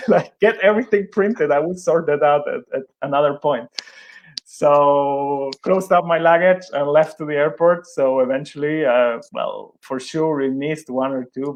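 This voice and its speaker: Through poor audio comes a slightly high voice belonging to a young sports event manager being interviewed in conversation. English isn't his first language, so he hesitates, restarts and uses many fillers, often laughing at himself.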